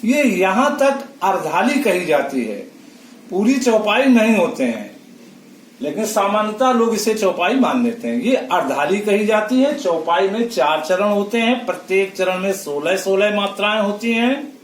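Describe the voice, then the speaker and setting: Man, school teacher, high voice, slow drawn-out syllables, distant mic. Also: very animated, echoey room, slight background noise. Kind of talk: classroom lesson.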